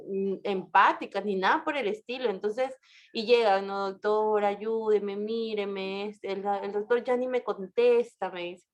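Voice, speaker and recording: A woman lawyer giving a casual talk full of anecdotes. She often ends her sentences with a tag question and shifts her voice when she quotes people. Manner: storytelling with frequent tag questions; animated, shifts pitch for quoted speech.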